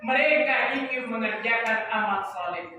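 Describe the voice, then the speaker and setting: A man preaching a sermon in a mosque, swinging from shouted high passages to chanted Arabic verses. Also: slight background noise. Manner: impassioned, shouting rises and drawn-out chanted Arabic. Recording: distant dull echoing mosque recording.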